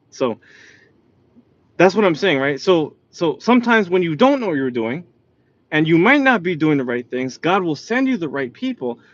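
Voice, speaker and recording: A man's voice: fairly high pitch, normal speed. A man from New York with a New York accent, giving a motivational talk full of personal stories and often asking "right?". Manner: animated, repeats "right?". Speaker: motivational speaker. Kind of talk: motivational storytelling. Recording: dull lo-fi sound.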